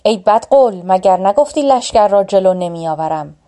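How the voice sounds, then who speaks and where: A woman's voice: mid-range voice, expressive, mellow, natural voice. A woman reading the lines of a proud young warrior prince in a storybook tale, in a taunting, commanding tone. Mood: stern.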